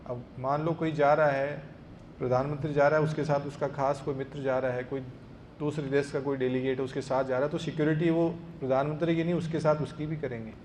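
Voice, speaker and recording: A man's voice: on the high side, little pitch movement, brisk, a little mellow, slight background noise. A man giving a devotional discourse, telling a scripture story and acting out the characters' lines. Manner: storytelling, acts out dialogue. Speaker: preacher.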